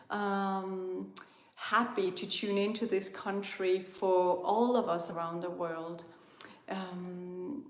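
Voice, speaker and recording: A Danish-accented woman from Denmark hosting a live online spiritual talk, speaking gently and searching for words with frequent ums. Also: mid-range voice, reverberant. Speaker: spiritual host of an online tour.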